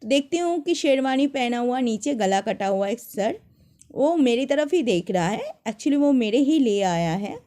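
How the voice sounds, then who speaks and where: A young woman telling personal stories to viewers in a casual, animated way, often restarting her sentences. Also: on the high side, a little slow. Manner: animated, dramatic retelling with many restarts. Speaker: storyteller.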